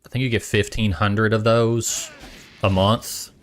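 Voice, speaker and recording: A man's voice: fairly low pitch, level tone, measured pace. A young adult man casually chatting while streaming a game, rambling and eating as he talks. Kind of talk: casual gaming stream chat.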